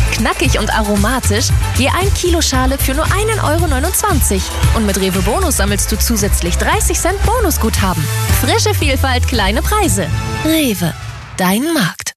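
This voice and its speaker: A woman reading a supermarket radio commercial in a bright, salesy way. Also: high-pitched. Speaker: commercial voiceover. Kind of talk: scripted ad read. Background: music bed.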